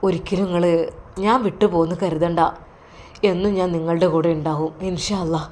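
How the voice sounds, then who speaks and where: A devoted young man, as a woman storyteller voices him. He talks in an earnest, reassuring way to the old couple, with a quiet undercurrent of guilt. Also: on the low side, steady tone, fairly quick, a little hiss or hum, close to an everyday voice.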